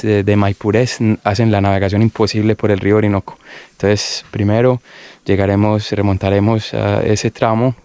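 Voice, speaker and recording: A man's voice: smooth, dry recording. A man hosting an expedition on location, explaining the places he visits in unscripted travel presenting. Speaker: travel host. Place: outdoors on location. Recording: loud rumble and rushing outdoor noise.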